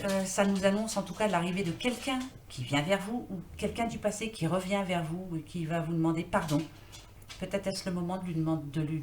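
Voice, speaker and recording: Chatty woman reading cards in an echoey room. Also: fairly low pitch. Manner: chatty, rambling, thinks aloud with many fillers. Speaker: tarot card reader. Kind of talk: casual card-reading vlog. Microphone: built-in computer mic. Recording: echoey room, faint noise.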